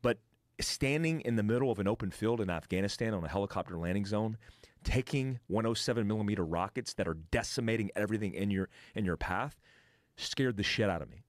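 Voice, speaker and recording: A man's voice: lowish voice, lively intonation, a little fast, dry recording, clean studio sound. A man telling a war story as a podcast guest, in blunt, profane casual storytelling with restarts and vocal imitations of gunfire. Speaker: podcast guest, military veteran.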